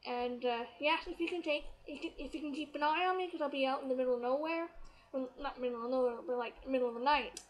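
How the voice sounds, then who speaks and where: A woman from England, telling a story to the camera in an excitable, chatty way. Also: high-pitched, fast, low-quality recording. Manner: excitable, chatty, quotes others as she retells. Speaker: vlogger.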